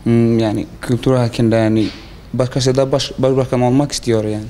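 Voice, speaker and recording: A young man from South Sudan with a South Sudanese accent gives interview answers haltingly, in the broken Turkish of a non-native learner. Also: medium pitch, flat delivery, dark tone, a little hiss or hum. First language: not Turkish. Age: young adult. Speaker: foreign student being interviewed.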